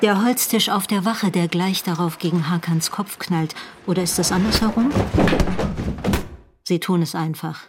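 A woman's voice: lowish voice, normal speed, heavy background noise. A woman narrating a drama in a scripted, intense way, often addressing the listener directly and asking rhetorical questions. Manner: intense, second-person, rhetorical.

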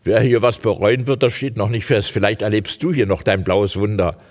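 A man reading the lines of a quick-tempered, spirited young schoolgirl in his own barely changed voice. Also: lowish voice, darkish tone, close to an everyday voice. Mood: defiant. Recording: reverberant hall.

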